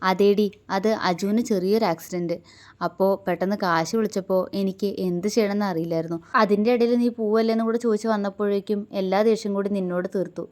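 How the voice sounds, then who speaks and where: A quick-tempered, loving young husband who scolds and teases gruffly, read by a woman narrator. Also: mid-range voice, steady tone, a little mellow, close to an everyday voice. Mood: apologetic.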